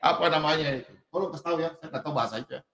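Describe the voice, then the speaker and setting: A man preaching a sermon, who swings between shouted, drawn-out words and quiet asides. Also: a little high, reverberant. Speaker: pastor. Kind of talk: energetic sermon.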